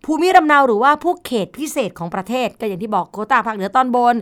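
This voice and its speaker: A woman's voice: fairly high pitch, lively intonation, quick pace, fairly bright tone. A woman co-hosting a podcast, explaining things in a casual chat with playful teasing. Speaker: co-host of an education podcast.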